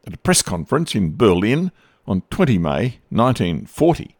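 A man giving scripted history narration with an expressive, storytelling delivery. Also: on the low side, normal speed, no room sound, studio quality.

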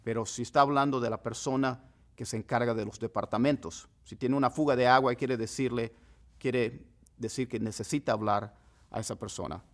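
A man teaching English pronunciation to Spanish speakers, repeating each word slowly and clearly in a casual, friendly way. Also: medium pitch, steady tone.

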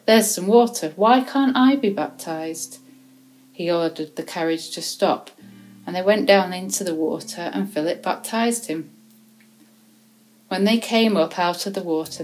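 A woman reading a Bible chapter aloud in a measured, even way, now and then correcting a word. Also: lowish voice, poor audio. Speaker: scripture reader.

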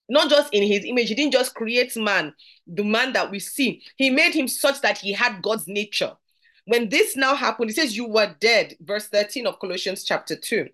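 A woman teaching a podcast Bible study, conversational and earnest, slowing down to read scripture aloud. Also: medium pitch, fairly bright tone.

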